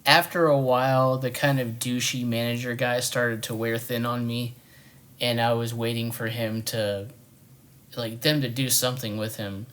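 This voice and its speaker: A man's voice: mid-range voice, little pitch movement, normal speed, fairly bright tone. A man co-hosting a film review, talking in casual, hesitant chat with lots of filler words.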